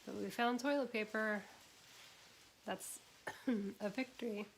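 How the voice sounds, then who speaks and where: Hoarse woman vlogging, mostly whispering, gravelly voice, little bit of noise behind. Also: mid-range voice, slow pace. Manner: soft, often whispering, drained but excited. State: hoarse, voice nearly gone. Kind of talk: casual vlog chat.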